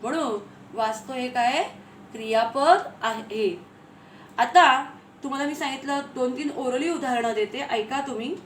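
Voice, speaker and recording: A woman teacher giving a grammar lesson, repeating key phrases slowly and asking her pupils questions. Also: high-pitched. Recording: echoey room, faint ambient noise.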